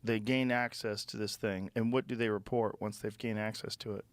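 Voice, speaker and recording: A man's voice: on the low side, fairly even intonation, moderate pace, no room sound. A man interviewing someone with direct, probing questions.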